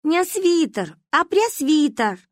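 A woman voicing a calm, prim little village girl who talks in a slow, drawling folksy way. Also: sits high, no echo, clean studio sound, pitched above the performer's own voice, full character voice.

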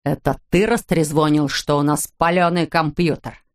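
A man's voice: fairly high pitch, fairly even intonation, natural voice. A woman voicing a growling, furious father. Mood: raging. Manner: growling, slow and menacing. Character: furious brutal middle-aged father.

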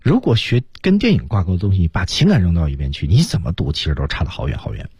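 Husky, animated radio English teacher man. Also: deep voice, quick pace, no echo, clean studio sound. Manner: explains and then acts out example lines. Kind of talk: radio language lesson. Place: radio studio. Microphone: studio microphone.

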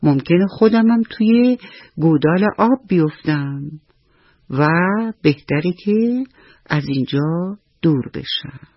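A woman's voice: sits low, animated, no room sound. A woman storyteller voicing a selfish little ant in a radio bedtime story, speaking sharply. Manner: sharp, impatient. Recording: dull lo-fi radio with soft music.

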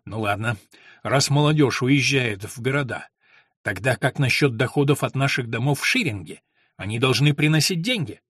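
An impatient young nobleman snaps out his demands with a quick temper, as a male reader puts him on. He sits at a middle pitch. The sound is dry and close. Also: expressive, fairly bright tone, husky, no room sound. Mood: demanding.

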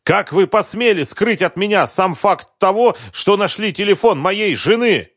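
A man acting as a furious shouting businessman. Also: high voice, expressive, a little slow, dry recording, clean studio sound, voice pushed up, exaggerated voice. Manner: yelling accusations at an investigator. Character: furious middle-aged male businessman, shouting, bullying.

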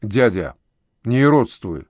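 A man's voice: fairly low pitch, very animated, slow, darkish tone, breathy edge, no room sound, studio quality, exaggerated voice. A man voicing an earnest young nephew in an audiobook, speaking directly.

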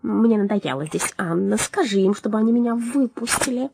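A woman voicing a witty, boastful male talking parrot with quick indignant retorts. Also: mid-range voice, vocal fry, darkish tone, slight background noise, voice pushed up, natural voice. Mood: cheeky.

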